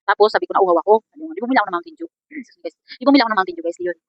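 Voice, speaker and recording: Fast, chatty woman vlogger. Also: medium pitch, sing-song, dry recording. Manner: rambling, chatty, keeps saying "guys". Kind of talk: casual storytelling vlog. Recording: dull lo-fi sound.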